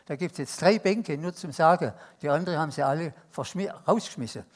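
A Swiss man with a Swiss German accent preaching a sermon, telling stories that swing between loud emphasis and hushed asides. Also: fairly high pitch, fairly quick. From Switzerland.

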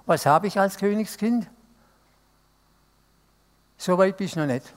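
A man's voice: sits high, unhurried. A male pastor preaching an interactive sermon and asking the congregation to answer aloud. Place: church service.

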